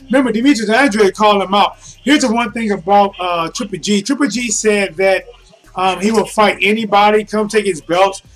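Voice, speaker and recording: A man with a noticeably high voice delivers unscripted boxing commentary. He talks casually and colloquially, addressing his listeners like friends as he works through his points. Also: normal speed, a bit bright, low-quality recording. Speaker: boxing commentator streaming to viewers. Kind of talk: casual off-the-cuff fight commentary.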